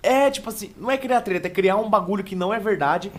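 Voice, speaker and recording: A man with a Brazilian Portuguese accent, a guest comedian telling stories fast and full of slang in a casual podcast chat. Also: high voice. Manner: rapid slangy storytelling.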